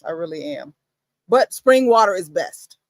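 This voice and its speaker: A woman chatting casually on a video-call livestream, playful and teasing with an animated manner. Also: fairly low pitch, moderate pace, dry recording.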